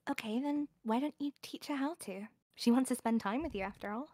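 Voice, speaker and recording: A woman's voice: a little high, fairly quick, a little mellow, dry recording. A woman playing in a game roleplay, speaking in a hesitant, placating way.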